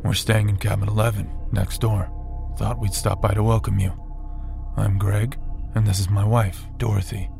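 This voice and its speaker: A gravelly, low-pitched older gentleman, as a storyteller puts him on, courteous and jovial as a friendly cabin neighbor in a horror audio story. His speech stays level, with little rise and fall. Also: level tone, moderate pace, over music. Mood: apologetic.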